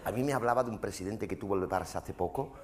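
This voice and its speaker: A man performing a brash, foul-mouthed stand-up monologue on a theater stage, mimicking voices and breaking into shouts. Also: lowish voice, fast. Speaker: stand-up comedian. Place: theater stage before a live audience. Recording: live stage recording with crowd and noise. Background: audience laughter.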